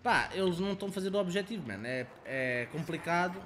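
A young man with a European Portuguese accent giving excitable, profane commentary over his own gameplay, taunting other players. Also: high voice, fast, slight background noise. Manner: excitable, swearing, taunting players, swings between shouting and muttering. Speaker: gaming channel host.

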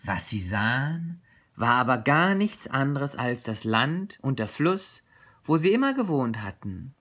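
A man reading a children's story aloud in an expressive, unhurried way. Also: mid-range voice. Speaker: reader.

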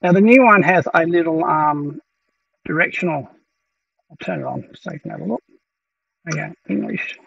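A man's voice: on the high side, moderate pace, gravelly, long pauses, a bit bright, breathy edge, no room sound. A man giving a casual gear review from his workshop, hesitant and full of ums and restarts. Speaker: tech reviewer. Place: home workshop with 3D printers running. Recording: muffled, mic a bit far off.

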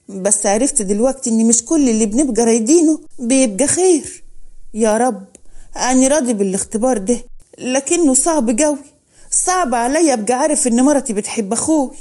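A woman's voice: high voice, warm tone. A woman voicing a weary, heartbroken young husband, pleading to God in a pained inner monologue.

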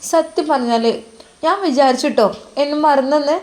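An anxious young pregnant wife, as a woman storyteller puts her on, asking high, pleading questions. Her voice sits well above the narrator's own and turns tender when she speaks of her love. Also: normal speed, darkish tone, close to an everyday voice. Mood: worried.

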